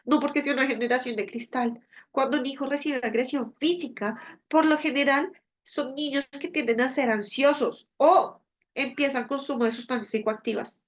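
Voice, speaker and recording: A woman's voice: high-pitched, moderate pace. A woman giving a parenting talk at home, explaining and checking in with listeners often. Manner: explanatory, with frequent rhetorical "¿sí?" checks. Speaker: parenting workshop speaker. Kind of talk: live online talk to parents.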